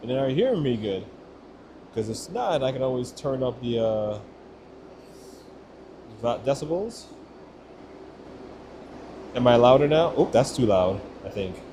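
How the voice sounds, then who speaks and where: A man's voice: mid-range voice, sing-song, measured pace, long pauses. A man vlogging a gear test who thinks aloud and checks in with the viewer, speaking into a small wireless mic in a subway station with the mic's noise reduction processing switched on. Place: subway station with trains passing. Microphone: small wireless clip-on mic. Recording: noisy transit background, noise-reduced.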